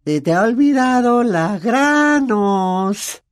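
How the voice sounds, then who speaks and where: A man's voice: extremely high pitch, big pitch swings, normal speed, voice pushed up. A man voicing a sly, taunting poltergeist. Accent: Latin American Spanish. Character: mischievous spiteful little male poltergeist.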